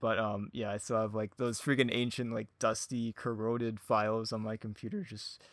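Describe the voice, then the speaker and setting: A man with a fairly low, flat voice chats casually at normal speed as a podcast guest, rambling, giggling and putting himself down. He's an audio drama creator, recorded dry with studio quality.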